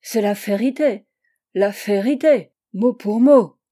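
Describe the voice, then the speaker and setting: Storybook role: female reader voicing a brash tipsy male spirit, German accent, mangled consonants, soft warm tone. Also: mid-range voice, slow. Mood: blustering. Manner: slurred mangled consonants, loud and blustering.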